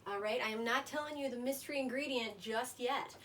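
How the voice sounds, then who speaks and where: Woman, fairly high voice, folksy home cooking host, chatty, self-deprecating, casual delivery, faint kitchen noise. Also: brisk, a bit bright. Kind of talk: casual cooking demonstration to camera. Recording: noisy home kitchen recording.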